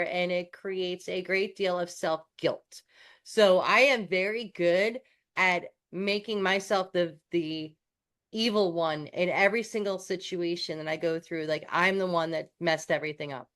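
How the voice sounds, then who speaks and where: A woman's voice: lowish voice, unhurried, fairly bright tone. Chatty woman podcast co-host from New York. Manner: chatty, self-deprecating, many restarts. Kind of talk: casual podcast chat.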